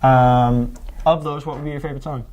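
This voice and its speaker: Young man, podcast host, casual chat, rambling with fillers, mid pitch. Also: steady tone, brisk, dull audio. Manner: rambling, many fillers and restarts.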